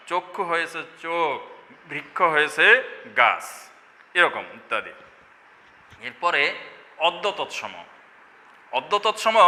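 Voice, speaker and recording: Bright-voiced man teaching a class. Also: a little high, big-room sound. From Bangladesh. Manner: explanatory, asks and answers his own questions. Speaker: Bengali teacher. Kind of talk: online class lecture.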